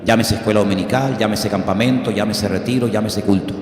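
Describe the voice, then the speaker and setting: A man's voice: fairly low pitch, steady tone, fairly quick, darkish tone. A pastor in his sixties from Venezuela, preaching a sermon with humorous stories and earnest warnings. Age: 60s. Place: church hall. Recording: echoey hall with long reverb.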